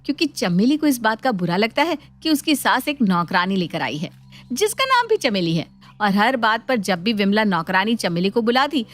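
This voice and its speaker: Woman narrating a story, lively pitch. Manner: even, storytelling delivery.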